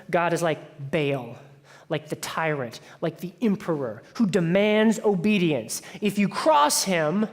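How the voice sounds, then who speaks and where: A man preaching a conversational sermon as pastor, telling stories in a casual way with frequent "like". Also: high-pitched. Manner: casual storytelling, sprinkled with "like". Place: church sanctuary. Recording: long reverb of a church hall.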